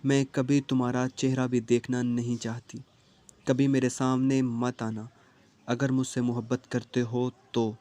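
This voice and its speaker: A man's voice: medium pitch, little pitch movement, mellow, natural voice. A man voicing a young woman, the storyteller's lost love, read plainly in his own voice. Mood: cold refusal.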